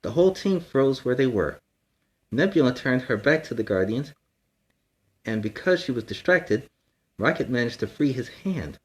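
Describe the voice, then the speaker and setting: Casting: man as a friendly young male superhero hosting kids' storytime, mid-pitched voice, earnest and encouraging, chatty asides between storybook passages. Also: expressive, normal speed, slightly rough. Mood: earnest narrating. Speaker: storytime host and reader. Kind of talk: children's storybook reading with asides.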